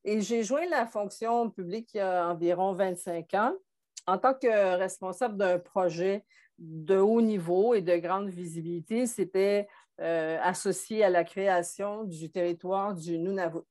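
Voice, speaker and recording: Podcast guest: Québécois woman, sixties, measured and thoughtful, pauses often. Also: mid-range voice, a little mellow. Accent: Québécois French. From Montreal, Quebec. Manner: thoughtful, frequent hesitations. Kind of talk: conversational interview.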